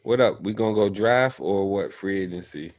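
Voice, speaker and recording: A young man co-hosting a casual sports podcast, loud and profane, talking trash in debate. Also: on the low side, moderate pace, faint music behind. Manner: loud, swearing, animated trash talk. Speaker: podcast co-host.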